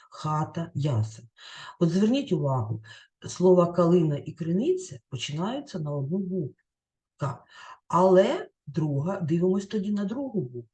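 A female teacher with a deep, warm voice records a lesson over slides, explaining clearly with careful enunciation and reading lists aloud word by word.

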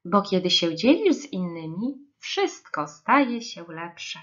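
Woman, children's story reading, slow, lively pitch, dull recording.

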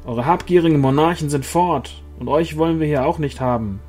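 Angry male villager, shouting, raised voice, voiced by a male reader. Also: a little high, a little fast, faint music behind, voice pushed up, close to an everyday voice.

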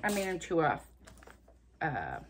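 The woman here has a low-pitched voice with huge pitch swings and a slightly slow delivery, with a bit of background noise. She's a vlogger opening subscriber gifts on camera, chatting casually, gushing and gasping at each present, and drifting off into rambling asides.

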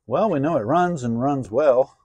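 A man's voice: medium pitch, expressive, normal speed, dark tone, husky, no echo, highs cut off. A man working on an old car outdoors, talking to himself with dry jokes as he works. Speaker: garage vlogger. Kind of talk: casual working commentary. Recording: noisy outdoor recording with engine and ambient noise. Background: outdoor ambience and car engine noise.

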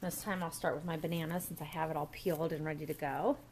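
A cooking vlogger with a low, steady, darkish voice talks quickly and chattily as she walks through a recipe step by step at her home counter. The casual kitchen demo is captured on the camera mic, with a little background noise.

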